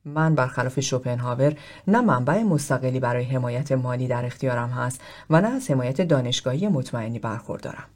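A man's voice: mid-range voice, animated, a little mellow, lightly acted. A man doing a blunt formal philosopher. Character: aloof, blunt male philosopher, stiff and formal.

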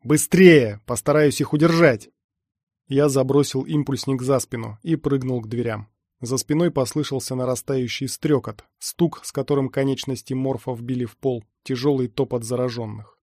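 Sex: male. Role: audiobook narrator. Style: scripted first-person narration. Timbre: dark, mellow. Sound: dry studio. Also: mid-range voice, moderate pace, no echo. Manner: steady first-person storytelling.

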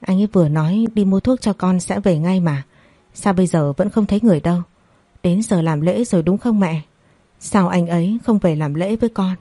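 A woman gives voice to a young bride close to breaking, her questions tumbling out one after another. The tone stays low and soft, recorded dry and close. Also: fairly quick, dry recording, natural voice. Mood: pleading, anxious. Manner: pleading, anxious questions. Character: distraught young bride searching for her fiancé.

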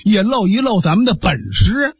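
Man doing a sly friendly buddy, coaxing, husky voice, dry close mic. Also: high-pitched, wildly swooping pitch, fairly quick, dry recording, heavily acted.

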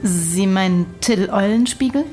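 A woman's voice: mid-range voice, a little slow, loud music behind the voice, lightly acted. A woman playing a curious, sceptical questioner in an audio drama, polite and inquisitive.

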